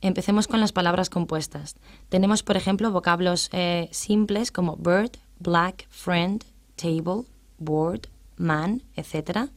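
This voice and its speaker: A woman gives a methodical radio lesson. She explains grammar patiently and spells out each example word with care. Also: lowish voice. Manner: patient, methodical, reads out English examples slowly. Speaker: English teacher on radio.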